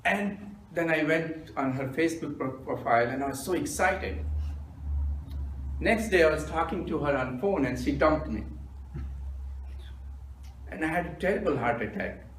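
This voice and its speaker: A man, telling self-mocking jokes in a deadpan storytelling manner as a humorous club speaker. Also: a little high, moderate pace, long pauses, a little hiss or hum. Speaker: stand-up speaker. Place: meeting room with audience. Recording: echoey room from a distance.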